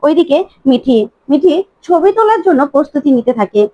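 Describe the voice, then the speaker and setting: A woman with a high voice recaps a TV serial in a casual, lively way and reads out the characters' lines as she goes. The recording is dry and close, with a slightly muffled, dull tone. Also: no room sound. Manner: quick, animated retelling that slips into characters' lines. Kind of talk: casual retelling with acted quotes.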